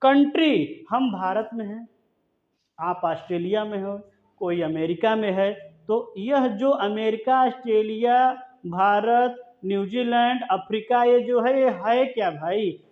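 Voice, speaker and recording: A male teacher explaining English grammar in a classroom manner, reading definitions slowly word by word and often checking with "okay?". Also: high-pitched. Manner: repeats checks like "okay?" and calls listeners "brother". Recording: dull lo-fi recording.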